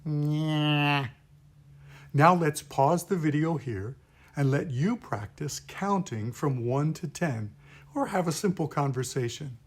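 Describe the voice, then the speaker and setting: A man's voice: on the high side, animated, measured pace, breathy edge. A man, a pastor, patiently teaching puppet voices step by step in an instructional video.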